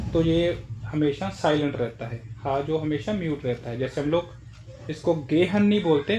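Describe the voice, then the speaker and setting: A man's voice: on the high side, darkish tone, a little hiss or hum. A man teaching German pronunciation in Hindi, explaining letter by letter and repeating each example word several times. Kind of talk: language lesson explaining pronunciation.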